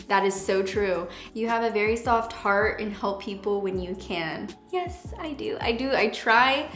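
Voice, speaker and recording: A woman in her thirties chatting casually to camera, laughing often and answering viewers in a relaxed way. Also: mid-range voice, roomy sound. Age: 30s. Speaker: beauty YouTuber.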